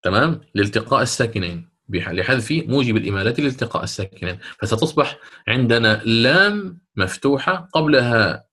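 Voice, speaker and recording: A male teacher at a middle pitch walks students through recitation rules in a patient lesson. He stretches each recited example slowly and melodically, then goes back to plain explanation and checks his students' understanding. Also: lively intonation, pushed and bright, slightly rough. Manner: asks check questions of students. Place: lesson recorded for an online institute.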